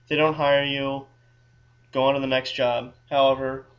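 A man's voice: medium pitch, flat delivery, moderate pace, lo-fi sound. A man who works as a criminal defense lawyer co-hosting a casual legal advice podcast, explaining things in a wry, thinking-aloud way with frequent restarts.

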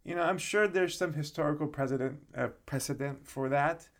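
A man's voice: a little high, brisk. A man talking in a casual conversation about martial arts, thoughtful and hedging, with many fillers.

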